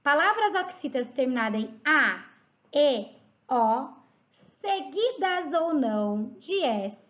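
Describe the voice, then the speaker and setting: A Brazilian woman with a high voice gives a children's grammar lesson. She speaks slowly and patiently, spelling each point out. The audio is a little dull and lo-fi. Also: animated, a bit bright. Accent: Brazilian Portuguese. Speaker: teacher.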